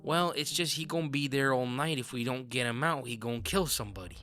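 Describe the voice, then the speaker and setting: A man voicing a creepy, cutesy woman passenger who drawls in a slow country vernacular. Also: mid-range voice, pushed and bright, faint music behind, close to an everyday voice. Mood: unsettling.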